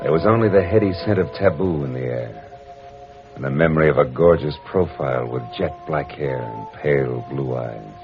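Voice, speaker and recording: A low-voiced American man performs 1940s-50s radio noir as a wry, worldly private detective narrating his cases in first person. His wisecracking, clipped hard-boiled delivery is expressive and wistful at normal speed, on a muffled vintage radio recording with music.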